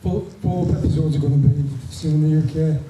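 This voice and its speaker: A man's voice: a little high, steady tone, a little fast. A man in the audience asking eager, stumbling questions. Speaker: audience member. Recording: very echoey hall from far off, loud crowd and noise.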